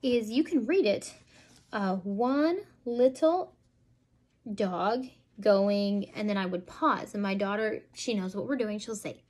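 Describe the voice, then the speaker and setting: Woman demonstrating read-aloud teaching. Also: mid-range voice. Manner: reads picture books aloud slowly with exaggerated inflection. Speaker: homeschooling parent demonstrating reading.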